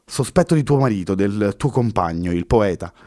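A cocky young musician, boastful but a little awkward, as a male narrator puts him on. The voice stays fairly low and mellow, close to the narrator's own. It has a dry, close storybook sound. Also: animated, normal speed, no room sound, close to an everyday voice. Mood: explaining. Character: young French man, cocky musician friend.

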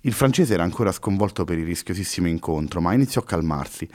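A man reading a story aloud in a measured, expressive way. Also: sits low. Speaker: narrator.

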